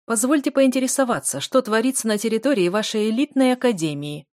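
A woman's voice: fairly low pitch, animated, brisk, dry recording, clean studio sound. A woman doing a blustering, pompous aristocrat lord. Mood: haughty. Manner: hissing, blustering, indignant. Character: arrogant pompous male aristocrat lord, middle-aged.

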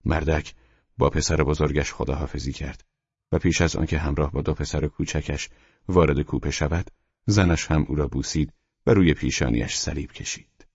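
A man narrates an audiobook in a low, husky voice with steady, measured delivery. The sound is dry and close, with a dull, lo-fi tone. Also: no room sound. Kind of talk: scripted first-person audiobook narration.

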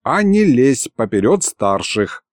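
A man's voice: medium pitch, very animated, takes it slowly, dry recording, clean studio sound. A man voicing an old grandfather mentor who talks in folksy rustic speech. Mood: folksy scolding.

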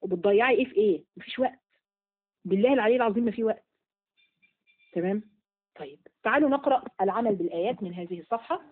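Fast Egyptian woman teaching on a thin line. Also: medium pitch. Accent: Egyptian Arabic. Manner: rapid, questioning, repeats key words. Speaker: Quran study teacher. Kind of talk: online Quran lesson. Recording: phone-like narrow audio.

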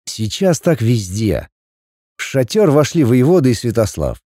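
Wry, warm-voiced male storyteller. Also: mid-range voice, big pitch swings, measured pace, no echo, clean studio sound. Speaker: narrator. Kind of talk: audiobook reading.

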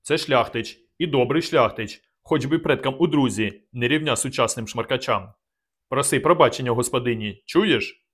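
A hot-tempered old country squire who booms and scolds, done by a man reading aloud. His voice rises well above the narrator's and stays loud. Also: moderate pace, close to an everyday voice. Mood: scolding. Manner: booming, scolding.

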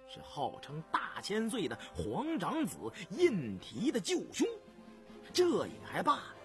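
A man narrating a historical novel in an unhurried storytelling manner. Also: a little high.

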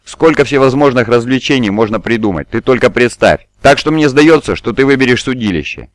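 A man voicing a god who appears as a small boy, calm, knowing and teasing. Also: mid-range voice, a little fast, no echo, lightly acted.

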